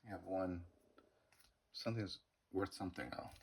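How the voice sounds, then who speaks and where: A middle-aged man with a Boston accent gives casual pack-opening commentary, rambling and self-deprecating as he fumbles card names. His voice is deep, steady, and creaky, at a normal speed. There's noise in the background.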